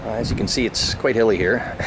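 A man in his thirties gives a relaxed, wry walking tour, talking while he walks outdoors with a handheld camera. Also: on the low side, normal speed, gravelly. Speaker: vlogger. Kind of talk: casual walking-tour narration. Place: outdoors on sunny island streets. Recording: outdoor camera audio with street noise.

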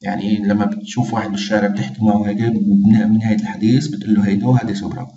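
A man teaching a casual lesson, slowly repeating each phrase. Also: fairly low pitch, level tone, dark tone, distant mic. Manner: slow, patient, repeats each phrase twice. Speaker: language teacher. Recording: dull, echoey room, off-mic.

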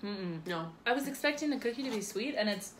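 A woman's voice: mid-range voice, animated, a little fast. A woman chatting casually through a mouth full of cookie during a snack taste test, giving blunt, candid reactions. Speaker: vlogger tasting snacks. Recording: noticeable background hiss.

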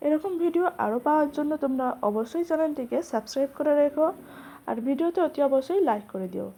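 A woman's voice: high-pitched, lively intonation, mellow. A woman teaching English vocabulary, spelling each word letter by letter and repeating the meanings. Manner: spells words letter by letter, slow and clear.

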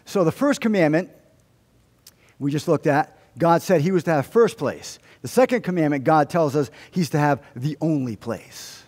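A middle-aged man preaches in a church sanctuary, his voice a little higher than most men's. He moves between hushed storytelling and emphatic declarations, and a long hall reverb carries every word. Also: expressive, moderate pace. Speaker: pastor. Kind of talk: sermon with prayer.

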